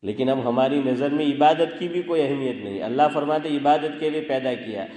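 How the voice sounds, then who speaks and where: A man's voice: mid-range voice, mellow. A man preaching in a conversational way to a gathering, often questioning his listeners and chanting verses. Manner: conversational, questions the audience, sings Arabic verses. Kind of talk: informal religious talk to a gathering. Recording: echoey hall with long reverb.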